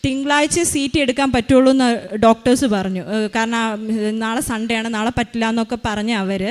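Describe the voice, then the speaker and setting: A woman's voice: fairly high pitch, steady tone, brisk. A woman in her thirties giving a spoken faith testimony as a mother, retelling events earnestly with many hesitations.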